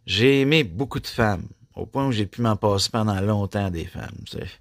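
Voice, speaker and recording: Québécois guy in his 40s rambling at the camera, flat robot-ish voice, kinda low, dry sound. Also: moderate pace, no echo. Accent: Québécois French. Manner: rambling, full of filler tags. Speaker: YouTuber. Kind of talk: rambling personal vlog monologue.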